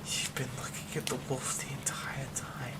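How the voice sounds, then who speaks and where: Lightly acted with a flat delivery, this ASMR roleplay has a man at medium pitch voicing a menacing yandere werewolf from the listener's childhood, his whispers slow, soft and threatening.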